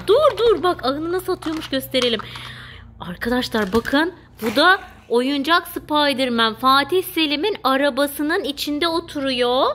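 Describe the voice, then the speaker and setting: A woman's voice: fairly high pitch, a bit bright, slight background noise. A young mother hosting a family vlog, talking playfully and sweetly to her little son. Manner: cooing and playful, talking to a toddler. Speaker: mother and channel host.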